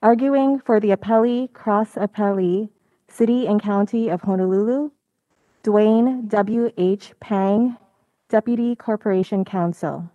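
Slow, mellow woman announcing formally. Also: medium pitch, no echo, highs cut off. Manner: measured, deliberate announcing. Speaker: court clerk. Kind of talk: formal reading of a case call.

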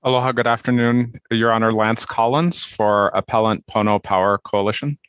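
A man speaking as an attorney in formal oral argument, measured and structured. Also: lowish voice, steady tone, fairly bright tone, clean tone, no echo. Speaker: appellant's attorney.

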